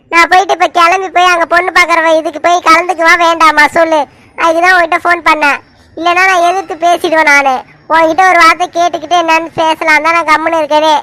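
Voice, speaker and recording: An upset young woman pleading with her lover in a family drama series, played by a woman. The voice is very high and bright, with a dry, close sound and no echo. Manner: pleading, complaining. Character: young woman, tearful and upset, facing an arranged match. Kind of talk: scripted family drama acting.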